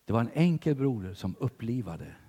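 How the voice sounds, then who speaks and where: An older man preaching a sermon in church, telling stories with big swings between loud and hushed delivery. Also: medium pitch, very animated, breathy edge, in a large hall.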